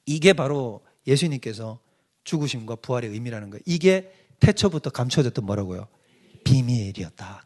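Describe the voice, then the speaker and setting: A middle-aged male pastor giving an emphatic doctrinal lecture, firing questions at his listeners and answering them himself. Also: mid-range voice. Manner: emphatic, mimics people with sudden loud outbursts.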